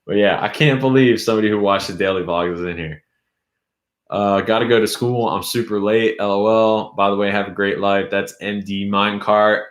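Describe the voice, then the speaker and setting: A young man with a fairly low, fairly bright voice chats loosely on a live stream, rambling as he reads viewer comments aloud and says his voice is going. He's a YouTube host, and the sound is roomy.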